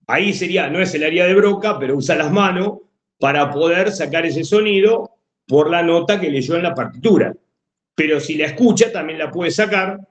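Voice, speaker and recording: A man's voice: a little high, roomy sound. A man teaching a class with a Rioplatense Spanish accent, explaining step by step and often checking that students follow. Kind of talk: classroom lecture.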